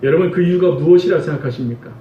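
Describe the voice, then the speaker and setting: A male pastor giving a sermon, with emotive preaching that swings from hushed confession to raised pleading. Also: on the high side, rapid-fire, lo-fi sound. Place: church sanctuary. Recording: echoey church hall, mic from a distance.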